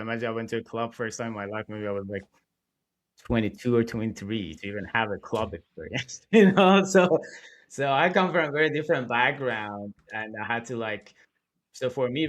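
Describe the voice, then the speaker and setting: A man, talking casually and animatedly as a podcast guest. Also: mid-range voice. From Iran. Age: 40s. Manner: animated, chatty, laughs between thoughts. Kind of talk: casual interview talk.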